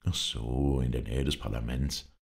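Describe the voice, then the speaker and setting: A man's voice: very deep voice, steady tone, unhurried, vocal fry, full character voice. A man voicing a talkative, teasing young English lord in a storybook reading. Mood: chatty.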